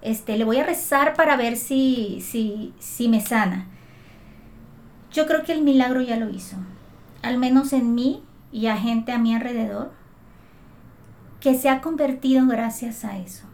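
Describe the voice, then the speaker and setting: Mexican mom, highish voice, earnest emotional faith story, lots of restarts. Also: female voice, measured pace, a little mellow. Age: adult mother. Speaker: guest sharing her faith testimony. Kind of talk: heartfelt testimony in conversation.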